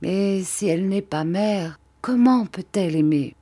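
A woman's voice: mid-range voice, unhurried, warm tone, slightly rough. A woman voicing a devout, wounded noblewoman who pleads solemnly in an audiobook reading. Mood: tearful forgiving.

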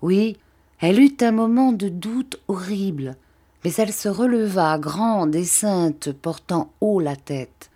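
A woman narrating a literary novel as an audiobook, measured and even. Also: mid-range voice, husky.

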